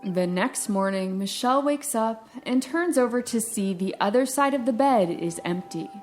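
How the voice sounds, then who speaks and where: A woman's voice: a little high, lively intonation, normal speed, faint music behind. A woman hosting a true-crime review podcast, retelling the story with playful, sarcastic asides. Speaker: podcast host.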